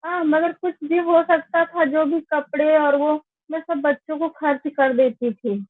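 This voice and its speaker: A woman, slowly and earnestly recounting her own life story as a testimonial. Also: sits high, fairly even intonation, no echo. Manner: slow, earnest, plain recounting. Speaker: network marketing member giving a testimonial. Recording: tinny phone-like, dry sound.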